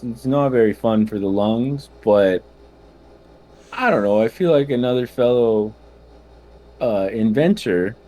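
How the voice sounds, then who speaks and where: A man's voice: mid-range voice, darkish tone, close to an everyday voice, low-quality recording. A man voicing a laid-back stoner gnome inventor in a tabletop game, with a rambling, hesitant drawl. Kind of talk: tabletop role-play in character.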